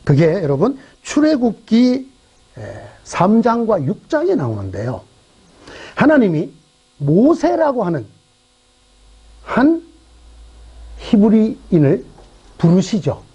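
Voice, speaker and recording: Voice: medium pitch, wildly swooping pitch, slow, pauses often, mellow, slightly rough, lo-fi sound. A pastor preaching a sermon at a church revival meeting, telling a story and asking the congregation rhetorical questions.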